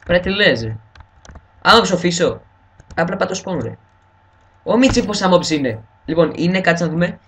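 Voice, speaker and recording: Excitable gamer guy with a cold. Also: high-pitched, long pauses, far from the mic, slight background noise. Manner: excitable, swears and jokes. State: has a cold. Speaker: gamer host. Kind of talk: casual gaming chat. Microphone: headset mic.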